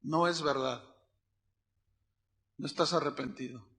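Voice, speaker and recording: A middle-aged man preaching a sermon, acting out little dialogues and swinging from loud bursts to hushed asides. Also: fairly high pitch, measured pace. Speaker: pastor.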